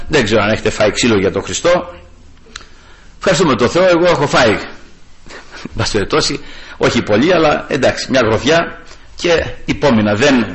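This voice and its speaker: A man preaching a sermon to his congregation, animated, moving between raised emphasis and hushed asides. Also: mid-range voice.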